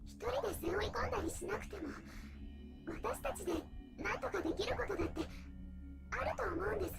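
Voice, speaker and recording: A woman voicing a gentle, earnest schoolgirl in a game, speaking softly, politely and hesitantly. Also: extremely high pitch, lively intonation, racing, gravelly, over loud music, full character voice. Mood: pleading. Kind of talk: anime game voice acting.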